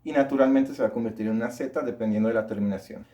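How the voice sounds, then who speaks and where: A man teaching English pronunciation, explaining sounds and repeating model words slowly for learners to copy. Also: mid-range voice, fairly even intonation, warm tone. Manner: slow, drawn-out model words repeated for practice.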